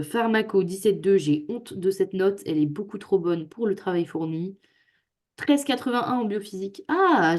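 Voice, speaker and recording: A young woman with a medium-pitched, slightly mellow voice tutors students on a video call. Her manner is chatty and joking, often at her own expense, and a computer mic records the casual conversation.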